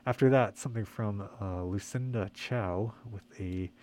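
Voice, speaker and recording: A man hosting a music radio show in a casual, halting, quiet way, slightly muffled by the mask he is speaking through. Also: fairly low pitch. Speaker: radio host and DJ. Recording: faint background noise, muffled by mask.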